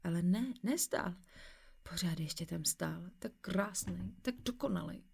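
A woman narrating a first-person novel in a lively, wry storytelling manner. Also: on the low side, vocal fry, slightly rough. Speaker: audiobook narrator.

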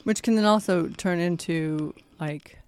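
A woman's voice: lowish voice, a little slow, darkish tone, clean tone, dry recording. A woman co-hosting a podcast in casual chat, mostly agreeing with brief replies. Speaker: podcast co-host.

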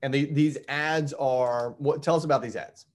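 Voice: mid-range voice, fairly even intonation, normal speed, darkish tone. A recruiting coach hosting an interview, affirming the guest and drawing lessons out for the audience. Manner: affirming, coaching, many backchannels.

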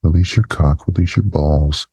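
A man speaking through a voice effect that pitches him very deep, in a slow, murmured, commanding intimate monologue. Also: dark tone, breathy edge. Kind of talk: intimate erotic hypnosis monologue. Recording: dull lo-fi dry recording.

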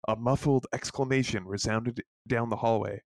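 A man's voice: mid-range voice, steady tone, normal speed, noisy background. A man co-hosting a podcast, reading fan fiction aloud comically and slipping into put-on character voices. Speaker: podcast co-host.

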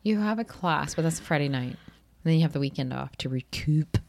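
A middle-aged woman co-hosting a casual podcast chat with her daughter, reassuring and lively. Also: sits low, a little fast, vocal fry. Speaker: podcast co-host, mother.

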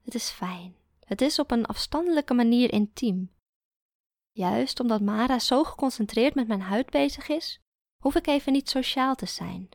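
A woman narrating a first-person story in a calm, even storytelling manner. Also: on the high side, moderate pace, gravelly, dry recording, clean studio sound. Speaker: audiobook narrator.

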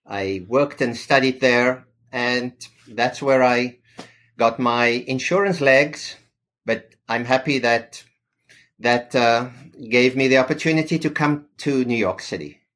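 South African man, fifties, mid-pitched, modest interview answers. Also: slow pace, fairly bright tone. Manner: modest, with occasional hesitations. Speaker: podcast guest.

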